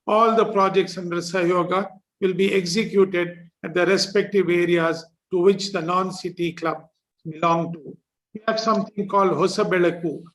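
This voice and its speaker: A man's voice: high-pitched, fairly bright tone, low-quality recording. A man, a district governor delivering a formal prepared speech at a ceremony. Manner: formal, reading a prepared address.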